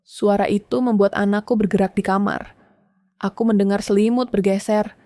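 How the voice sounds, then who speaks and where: A woman telling a first-person domestic drama in a calm, measured way, in short, clipped sentences. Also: mid-range voice, dry recording, studio quality. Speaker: storyteller.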